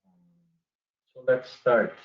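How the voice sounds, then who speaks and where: A man giving an academic seminar talk over a video call, his mic volume going up and down as he speaks, halting and repeating words as he explains. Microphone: computer mic over a video call. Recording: dull lo-fi video call audio.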